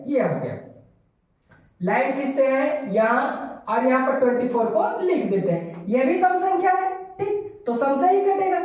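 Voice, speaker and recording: A woman's voice: sits high, a little mellow. A woman teaching a step-by-step maths lesson, talking to her pupils and often checking that they follow. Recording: very echoey room.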